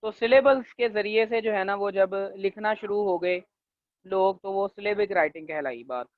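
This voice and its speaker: A male linguistics lecturer teaching a class, leaning on fillers and checking in often, and slowing down to dictate definitions. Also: high voice, dry recording. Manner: leans on the filler "jo hai na" and checks in with "theek hai"; slows down to dictate English definitions. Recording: tinny, dry, phone-like recording.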